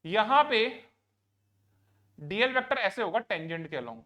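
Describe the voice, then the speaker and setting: A male teacher lecturing a room full of students. He keeps the class moving with a steady pattern: he asks a question, answers it himself, then asks it again. In between he pleads with them to concentrate. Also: sits high, a little slow. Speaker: physics teacher.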